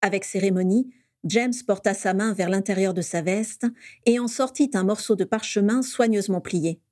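A woman reads a story aloud in a steady storytelling manner. Her voice is mellow and warm at a middle pitch. The recording is dry and close. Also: normal speed, no echo. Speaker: reader.

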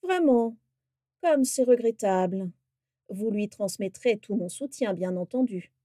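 A woman voicing a bitter aristocratic wizard who speaks low and quietly, with menace. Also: animated, measured pace, no echo, studio quality. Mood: menacing.

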